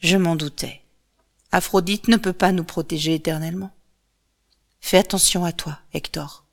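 A woman voicing a sorrowful, weary woman in a storybook reading, speaking quietly. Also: on the low side, steady tone, a little slow.

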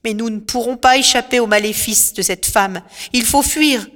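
A woman's voice: fairly high pitch, moderate pace, a bit bright, voice pushed up, natural voice. A woman voicing a frightened, breathless male sailor who urgently begs to flee, in a reverberant storybook recording with faint music behind. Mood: panicked pleading. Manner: urgent, pleading.

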